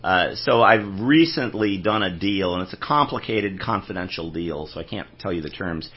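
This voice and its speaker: A man's voice: sits low, moderate pace, slightly rough, lo-fi sound. A man telling anecdotes in a casual interview, rambling and restarting his sentences. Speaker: film collector guest.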